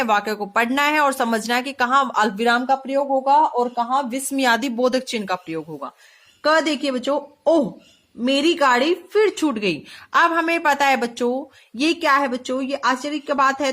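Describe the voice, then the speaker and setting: A young woman teacher giving a recorded video lesson for children. She reads example sentences slowly and clearly and puts questions to the class. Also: high-pitched, bright, forceful tone. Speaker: school teacher.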